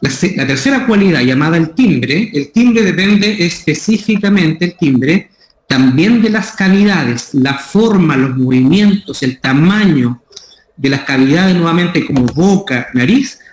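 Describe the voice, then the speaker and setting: A man's voice: a little high, expressive, a little slow. A man with a Chilean Spanish accent giving a methodical, explanatory lecture on voice care, repeating his key terms. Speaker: voice care workshop instructor. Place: school room. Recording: echoey room.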